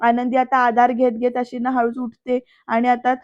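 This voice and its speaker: A woman tells the story of a serial episode in a chatty voice-over and speaks directly to viewers. Her voice is high and fairly flat. The recording is dry and slightly muffled. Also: normal speed, no room sound.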